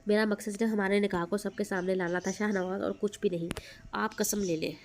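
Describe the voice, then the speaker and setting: A woman's voice: mid-range voice, steady tone, a little fast, darkish tone, lightly acted. A woman reading a pleading young wife. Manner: pleading, apologetic.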